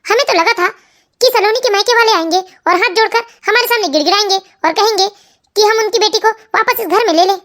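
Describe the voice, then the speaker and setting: Woman playing a shrill scolding mother-in-law, very high pitched, cartoon story. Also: brisk, fairly bright tone. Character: bossy scolding middle-aged mother-in-law.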